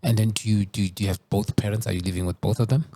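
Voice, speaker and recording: A man hosting a casual interview, chatty, often repeating his words and throwing in quick interjections. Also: fairly low pitch, fairly even intonation, mellow. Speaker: host.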